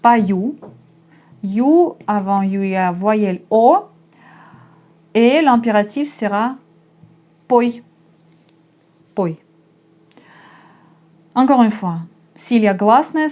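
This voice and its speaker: A woman's voice: mid-range voice, darkish tone. A young woman from Russia, patiently teaching a language lesson and repeating each example. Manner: slow, patient explaining with repetitions.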